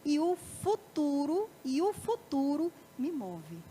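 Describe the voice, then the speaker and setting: High-voiced Brazilian woman lecturing. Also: sing-song, slow pace, warm tone, a little hiss or hum. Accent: Brazilian Portuguese. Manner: asks the audience frequent rhetorical questions. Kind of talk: live motivational talk. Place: parish auditorium.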